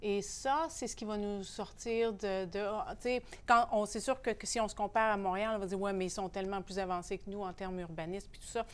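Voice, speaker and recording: A woman with a Canadian French accent, a newspaper columnist who is a guest on an interview show. She gives her views in an animated way and often pauses on "euh.". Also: medium pitch, clean tone. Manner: opinionated, animated, pauses on fillers. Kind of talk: casual interview conversation.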